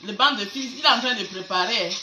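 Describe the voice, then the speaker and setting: Speaking quickly and a bit high, this Cameroonian-accented woman runs a laid-back live stream where she welcomes viewers. She ridicules people through sarcastic, stammering repetitions. There's an echo in the room and some faint noise behind her.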